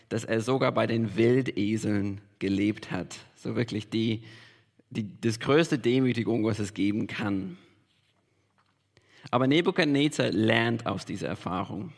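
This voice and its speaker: A man preaching a sermon as pastor, emphatic and repeating key phrases for weight. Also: medium pitch. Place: church hall. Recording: long reverb of a large hall.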